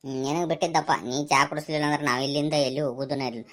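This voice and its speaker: A woman's voice: low-pitched, steady tone, racing, fairly bright tone. A woman playing a pushy young village friend in a comic skit, with a North Karnataka Kannada accent and coaxing talk.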